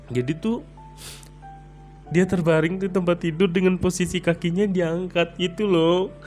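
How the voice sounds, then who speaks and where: A man's voice: sits high, steady tone, a little slow, a little mellow, soft background music. A young man telling a personal story in a chatty, rambling way, full of fillers.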